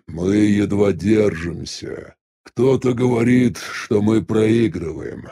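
A man voicing an elderly sect elder in an audiobook, speaking in a measured, weary, reflective way with a husky voice. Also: lowish voice, warm tone, a little hiss or hum. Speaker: audiobook voice actor. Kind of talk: audiobook dialogue reading.

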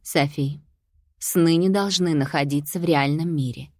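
A woman's voice: low voice, a little mellow, dry recording, studio quality. A woman reading an audiobook, voicing a mother who speaks firmly and lays down strict conditions. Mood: stern. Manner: firm, measured, warning. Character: stern protective mother.

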